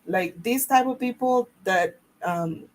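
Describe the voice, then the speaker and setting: A woman's voice: on the high side, takes it slowly, rough recording. A woman from El Salvador, co-hosting a live stream, talking earnestly and at length with many fillers. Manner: earnest, apologetic, filler-heavy. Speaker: co-host answering live chat. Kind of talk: casual livestream chat.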